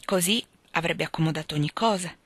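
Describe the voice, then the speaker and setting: A woman reads a classic novel aloud in an audiobook. Her narration is calm, measured and expressive, with a voice a little low. The recording is close and very dry. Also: no echo. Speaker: audiobook reader.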